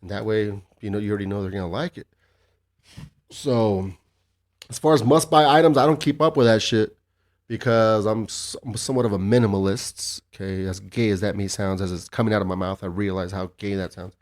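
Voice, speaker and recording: Male podcast host, lowish voice, profane and sarcastic, loose rambling monologue. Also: fairly quick. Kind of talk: casual solo podcast monologue.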